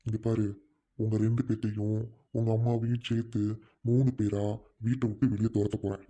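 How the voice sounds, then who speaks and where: A man's voice: on the low side, little pitch movement, normal speed, dark tone, natural voice. An actor playing a greedy, harsh son and husband who scolds his family bluntly in a village family skit. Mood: gruff.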